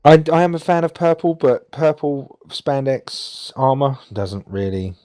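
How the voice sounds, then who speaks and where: A man's voice: mid-range voice, lively intonation, a little slow, warm tone, no room sound, clean studio sound. A British man co-hosting a gaming show, chatting casually in a rambling, teasing way. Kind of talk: casual banter over gameplay.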